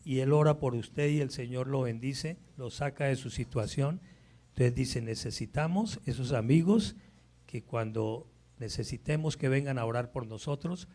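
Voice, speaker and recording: A man's voice: medium pitch, warm tone. A male pastor preaching a sermon to his church, emphatic and often asking the congregation questions. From Colombia.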